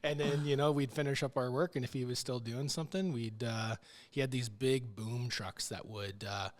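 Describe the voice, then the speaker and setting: A relaxed man chatting as a podcast guest, his voice sitting at an ordinary middle pitch. He tells stories in a loose, friendly way and laughs now and then between anecdotes. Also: moderate pace. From Ontario, Canada. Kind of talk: casual interview chat.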